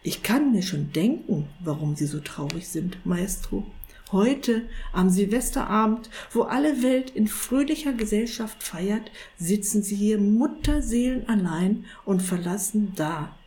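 A woman voicing a small, eager male cat who flatters and coaxes his master, in a storybook reading. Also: mid-range voice, unhurried. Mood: coaxing. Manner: eager, wheedling, polite.

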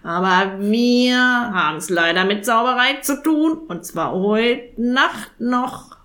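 A woman voicing a grumpy, blunt male raven with a croaking, rasping voice and a colloquial, impatient manner. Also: on the high side, expressive, slow pace, sharp tone, voice pushed up, exaggerated voice.

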